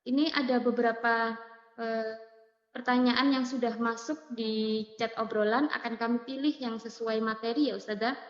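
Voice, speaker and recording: Polite high woman moderator, dull echoey sound. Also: fairly even intonation, moderate pace. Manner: polite, deferential. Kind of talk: reading out audience questions.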